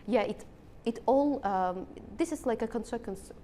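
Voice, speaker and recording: A woman with an Azerbaijani accent giving political interview answers, haltingly searching for words as she explains. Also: mellow. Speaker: interviewed analyst. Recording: rumbling background noise.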